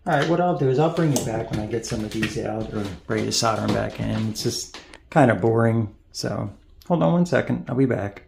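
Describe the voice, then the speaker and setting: A man with a medium-pitched, gravelly voice speaks briskly as he works on electronics at a home bench, thinking aloud and mumbling in casual narration. The room echoes and background noise is loud.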